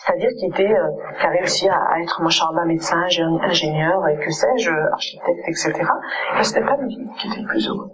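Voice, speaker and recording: A woman's voice: on the low side, fast, a crowd in the background, low-quality recording. A woman child psychologist giving an earnest conference lecture and often checking in with her audience.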